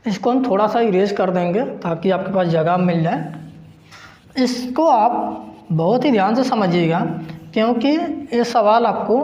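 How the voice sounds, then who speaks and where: A man giving an online math lesson, explaining slowly and step by step, repeating each digit. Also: high-pitched, a little mellow. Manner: slow, repetitive, step-by-step explaining. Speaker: math teacher. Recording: roomy, dull lo-fi recording.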